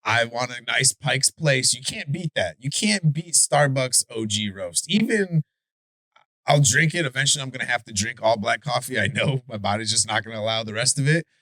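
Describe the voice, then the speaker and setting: A man with a Chicago accent co-hosting a podcast in casual debate chat, animated and profane, stumbling and restarting his sentences. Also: medium pitch, normal speed, dry recording. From Chicago area. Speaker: podcast co-host.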